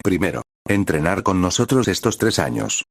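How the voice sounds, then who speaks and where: Calm, steady teen ninja boy, low and dry, read by a man. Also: moderate pace, no echo. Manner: calm, steady, matter-of-fact. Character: teenage boy ninja hero, calm and direct.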